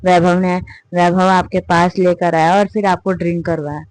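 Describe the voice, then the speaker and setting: A woman's voice: fairly low pitch, flat delivery, moderate pace, close to an everyday voice. A woman doing a cold, sarcastic scolding partner. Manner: cool, quiet, sarcastic. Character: stern young woman scolding her drunk partner.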